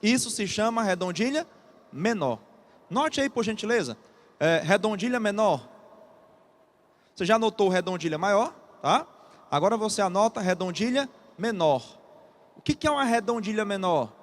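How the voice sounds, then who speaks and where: A man's voice: high-pitched, expressive. A Brazilian man teaching an exam-prep literature class, reading a poem aloud and then explaining it with frequent checks to the students. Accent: Brazilian Portuguese. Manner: repeats key terms slowly for students to note.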